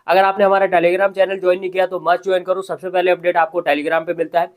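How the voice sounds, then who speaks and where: A man's voice: high voice, flat delivery, quick pace. A man, talking casually as host of a tutorial voice-over, often adding "ठीक है". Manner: conversational, repeats filler "ठीक है". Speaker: crypto news host. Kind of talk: screen-recorded tutorial voice-over.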